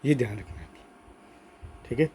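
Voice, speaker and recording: A man teaching a grammar class, slowly dictating notes and repeating key words, often checking in with "okay". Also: medium pitch, animated, warm tone, breathy edge. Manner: slow emphatic dictation, repeats words, frequent "ठीक है".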